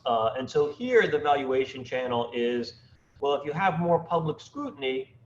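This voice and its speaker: A man presenting an academic research seminar, speaking haltingly with many fillers, heard through low sample rate, robotic-sounding online audio. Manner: halting, filler-heavy delivery with lively intonation. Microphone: computer mic on a video call. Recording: dull lo-fi video call audio with faint noise.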